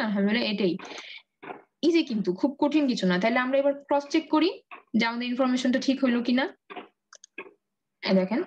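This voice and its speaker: A woman's voice: fairly high pitch, lo-fi sound, a little hiss or hum. A woman teaching an online Arabic grammar class, patiently drilling word endings and asking her students questions.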